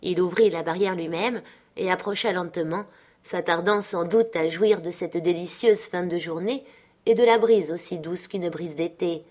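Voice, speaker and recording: A woman reads a classic novel aloud in a fairly low voice. Her delivery is expressive and dramatic, rising with the tension of the scene. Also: moderate pace. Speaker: audiobook reader. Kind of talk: audiobook narration.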